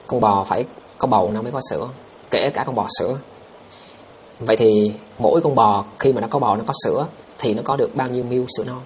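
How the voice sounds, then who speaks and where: A man's voice: medium pitch, slight background noise. A man, hosting a livestream and answering viewer questions in a blunt, scoffing way. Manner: blunt, scoffing, reads out viewer comments and answers them directly. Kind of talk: casual livestream chat.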